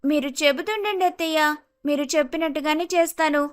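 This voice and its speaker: A woman's voice: high-pitched, fast, lightly acted. A meek young bride, as a woman voices her. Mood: timid. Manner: pleading, apologetic. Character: young newlywed daughter-in-law, meek and hurt. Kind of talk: cartoon story voice acting.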